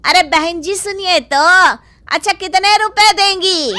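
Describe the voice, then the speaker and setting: A woman's voice: very high-pitched, measured pace, sharp tone, slight background noise, pitched above the performer's own voice, heavily acted. Woman voicing a pushy market shopkeeper. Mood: wheedling. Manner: wheedling sales talk. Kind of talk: cartoon voice acting.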